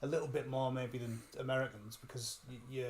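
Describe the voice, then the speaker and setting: There's slight background noise as a man from England, his mid-range voice darkish in tone and fairly even, speaks fairly quickly. A talkative guest in a casual interview, he swears cheerfully and calls himself a gobshite.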